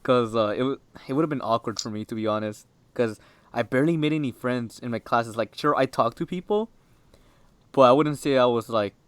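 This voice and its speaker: Teen boy chatting on a podcast, rambles, smooth clear voice, super dry sound. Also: mid-range voice, brisk, no echo. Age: teens. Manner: rambling, lots of fillers and restarts. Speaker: podcast host. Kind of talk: casual chat.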